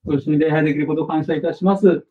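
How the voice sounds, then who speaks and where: A man's voice: on the high side, fairly even intonation, racing, distant mic, narrow, tinny audio. A male pastor leading a prayer and preaching a sermon, earnest and conversational, with frequent fillers.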